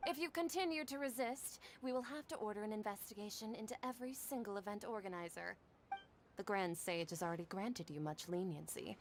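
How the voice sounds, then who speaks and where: A stern official, played by a woman in a game, laying down the law in a cold, by-the-book tone. Her voice sits at a middling pitch over a faint noise bed. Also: a little fast, close to an everyday voice. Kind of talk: dubbed game voice acting.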